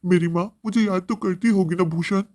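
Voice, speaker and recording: A man's voice: high-pitched, steady tone, brisk, darkish tone, lightly acted. A man voicing a remorseful grown son who speaks in an earnest, pleading way. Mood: anxious.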